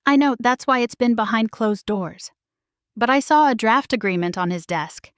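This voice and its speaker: A woman reading the part of an anxious, loyal young female employee, in an urgent, hushed manner. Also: fairly high pitch, expressive, moderate pace, clean tone, dry recording, clean studio sound, close to an everyday voice.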